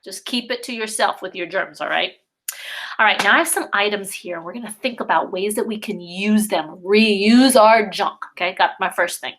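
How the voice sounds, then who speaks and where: A woman preschool teacher leading a virtual circle time for young children, talking slowly and drawing out words in a sing-song way. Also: medium pitch, sharp tone.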